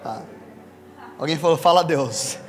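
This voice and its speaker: This pastor, a Brazilian man with a Brazilian Portuguese accent, has a slightly high voice and keeps a measured pace. He preaches to a live audience in a church hall, weaving in personal stories with a lively, talkative delivery directed at the congregation. The hall echoes, and faint music sits in the background.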